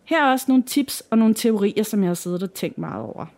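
A Danish woman speaks at a medium pitch as a podcast host. Her delivery is informal and cosy, like someone settling listeners in for spooky stories. She addresses them casually and directly. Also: sing-song, gravelly, a little mellow.

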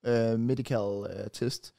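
Young male, medium-pitched. Casual sports co-host, slangy and sweary with English mixed in. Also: steady tone, gravelly, dark tone. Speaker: football podcast co-host. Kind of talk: casual football chat.

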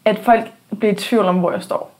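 Candid, animated woman podcast host. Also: medium pitch. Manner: animated, candid, swears freely, acts out quoted voices. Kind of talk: casual conversation. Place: podcast studio.

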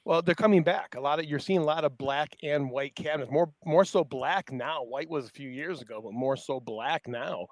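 A man with a slightly high voice hosts a radio talk show and chats loosely with his guest, tripping over his own restarts. The sound is close and dry. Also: moderate pace, few pauses, no room sound. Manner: chatty, stumbling restarts.

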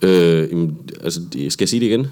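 A man with a low, deep voice, a comedian guest on a casual live podcast. He rambles through vivid anecdotes and breaks into little acted-out asides. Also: lively intonation, a little mellow.

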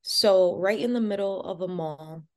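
A woman's voice: mid-range voice, measured pace, darkish tone. A woman as an interview guest, telling a personal story in a casual, chatty way with many "like" fillers.

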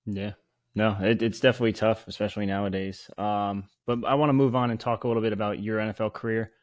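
A man hosting a casual podcast, asking relaxed questions with small fillers. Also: fairly low pitch, fast talker, dry recording, clean studio sound. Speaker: podcast host.

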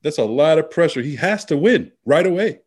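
A man's voice: on the high side, animated, brisk, breathy edge. Male sports talk co-host, casual and rambling. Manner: rambling, many fillers and restarts.

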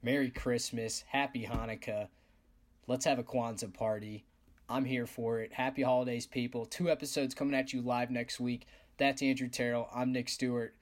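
A man hosting a casual sports podcast, his voice raspy and hoarse, trading brash, joking trash talk. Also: mid-range voice, little pitch movement, moderate pace. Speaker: podcast host.

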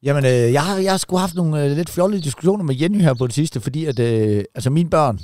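A man's voice: on the high side, a little mellow. A man in his forties chatting casually as a podcast co-host, rambling and stammering, often repeating words and swearing offhandedly. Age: 40s. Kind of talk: casual chat.

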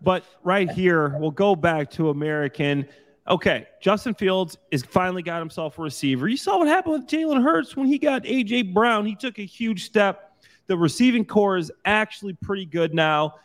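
A former pro football player, now an analyst, talking football in a casual sports-talk style. His voice sits a little high, and his delivery is upbeat, joking and energetic. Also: moderate pace.

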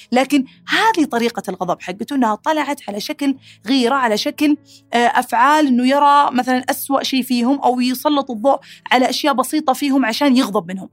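A woman with a fairly high voice hosts a podcast, explaining psychology casually and quickly. She's animated and acts out the quotes she shares, including angry ones, and the recording has no echo.

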